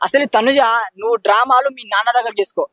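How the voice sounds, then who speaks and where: A man's voice: very high voice, fast, sharp tone, no echo, studio quality. A man giving a heated street opinion, repeating words for emphasis. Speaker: street interviewee.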